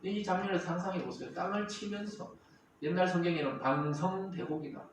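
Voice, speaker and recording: A male pastor preaching a Sunday sermon with lively call-and-response, reading scripture aloud to the congregation and explaining it. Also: high voice, fairly quick, very noisy. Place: church sanctuary. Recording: roomy church hall, mic at a distance.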